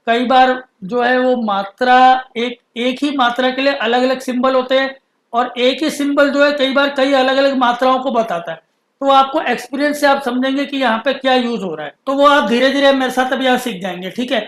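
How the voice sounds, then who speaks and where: A man's voice: very high voice, steady tone, a bit bright. Patient man teaching letters, echoey room. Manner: patient, stretches out letter sounds slowly. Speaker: Urdu teacher. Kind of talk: explaining a lesson.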